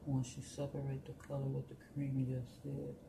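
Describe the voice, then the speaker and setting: A woman's voice: a bass voice, monotone, fairly quick, vocal fry. A woman in her home kitchen chatting casually as she walks viewers through each step of a recipe. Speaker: cooking vlogger. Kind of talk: casual cooking tutorial. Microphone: camera on the counter. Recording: noisy home video.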